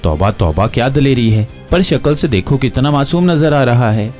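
A man's voice: medium pitch, lively intonation, moderate pace, a little mellow, faint music behind, lightly acted. A man voicing a second constable who clucks and marvels. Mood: marveling. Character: second male constable, gossipy.

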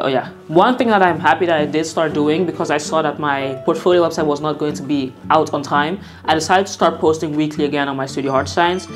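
A young woman talking casually to camera as a vlogger and designer, candid and rambling, often correcting herself mid-sentence. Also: sits low. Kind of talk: casual to-camera vlog talk.

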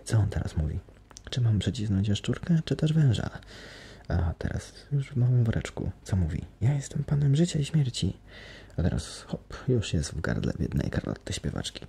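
A man's voice: sits low, creaky, warm tone, slight background noise, exaggerated voice. A man voicing an obsessive, manic masked man who talks feverishly and boasts, in an ASMR bedtime storybook reading. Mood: boastful. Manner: feverish, wheedling, then boastful.

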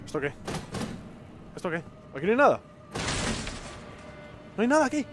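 Excitable streamer shouting at his game. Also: sits high, normal speed, music in the background. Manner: excitable, swears a lot, shouts at enemies. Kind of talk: live gameplay commentary.

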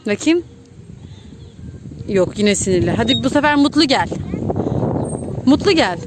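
Playful high-voiced mother cheering her child. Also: sing-song, a little slow, noisy background. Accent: Turkish. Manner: playful, coaxing, counting and cheering. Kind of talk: casual chat with a toddler. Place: outdoor playground.

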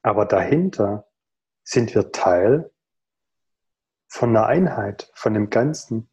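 A man's voice: lowish voice, expressive, dark tone. A man in his thirties talking earnestly over a video call from a room at home, reflective and full of rhetorical questions. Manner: thoughtful, earnest, rhetorical questions, many pauses. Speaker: guest in a video call conversation. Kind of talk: reflective conversational explanation.

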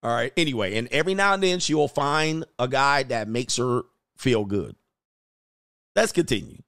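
A man's voice: mid-range voice, lively intonation, normal speed, creaky, a bit bright, no echo, clean studio sound. A man hosting a casual reaction show, telling jokes in slang, acting out quotes and laughing often. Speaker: commentary channel host.

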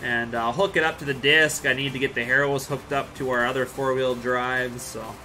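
A man's voice: mid-range voice, steady tone, a little fast, bright, forceful tone, soft background music. A man, live streaming a farming game and chatting casually with viewers in a rambling, joking way. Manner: laid-back, rambling, joking with chat.

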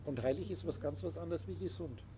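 A man's voice: fairly high pitch, fast talker, mellow. A man lecturing a small group as their spiritual teacher, emphatic and insistent, with faint noise behind him. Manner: emphatic, lecturing, with sound effects.

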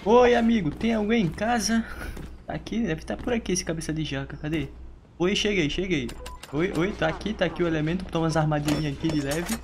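A Brazilian man casually commenting on his own gameplay, playful and quick to laugh as he teases opponents. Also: on the high side, a little hiss or hum. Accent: Brazilian Portuguese. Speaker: gaming streamer.

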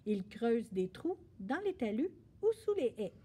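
A woman as a calm, sensible big sister. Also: on the high side, measured pace, slightly rough, exaggerated voice. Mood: reading aloud.

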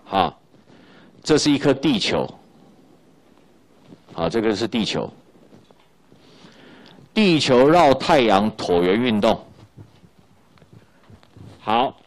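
A middle-aged man with a Taiwanese Mandarin accent teaching high school physics in a recorded lecture, chatty, tagging lines with little fillers and repeating key points. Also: very animated, slow pace, pauses often.

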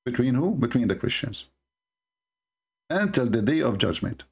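Here the Arabic-speaking debate host mockingly and combatively reads on-screen texts during a heated screen-share debate. His medium-pitched voice is sing-song with a breathy edge, moving at a normal speed.

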